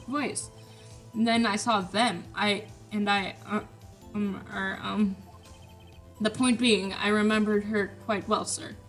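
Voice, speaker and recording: A woman's voice: mid-range voice, lightly acted. A woman voicing a prim, fussy male hotel bellboy on the witness stand, formal and adding "sir" to his lines.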